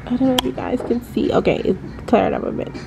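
A woman's voice: a little high, quick pace, gravelly. Casual woman travel vlogger, noisy recording. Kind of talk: casual chat to camera.

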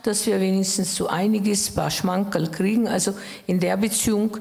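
A woman of about eighty from Bohemia, Czech Republic, appears as an interview guest on a stage in a wood-panelled hall, sharing personal memories in conversation. Her voice is mid-range, gravelly and darkish, with a steady tone and moderate pace, and she speaks thoughtfully with hesitations and self-corrections. She holds a handheld mic, and the hall sounds echoey.

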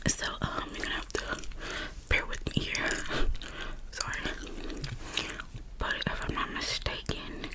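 A woman doing a whispered role-play in a breathy, close-up ASMR whisper with tingly mouth sounds, rambling gently and apologetically. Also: rough recording. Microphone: close-up microphone.

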